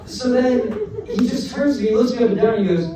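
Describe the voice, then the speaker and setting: A young man telling an animated, self-mocking stand-up story with plenty of swearing, hosting the show. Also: extremely high pitch, a little fast, background noise. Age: young adult. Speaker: comedian and show host. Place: performance hall with a live audience. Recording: echoey room from far off, crowd.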